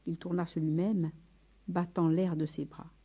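A woman narrating a story aloud in a measured, expressive manner. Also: on the low side, breathy edge. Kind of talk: audiobook narration. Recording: dull lo-fi recording. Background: faint music.

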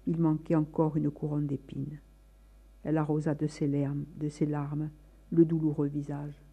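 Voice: mid-range voice, monotone, normal speed, warm tone, highs cut off. A storyteller reading a story aloud in a dramatic, emotive way. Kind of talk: expressive read-aloud narration.

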